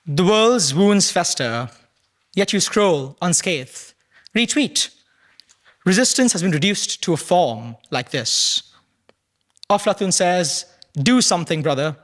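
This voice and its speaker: A young man reading his own poem aloud at a prize ceremony, in a measured, solemn manner that sinks low and soft at the ends of lines. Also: animated. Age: young adult. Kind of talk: poetry recitation.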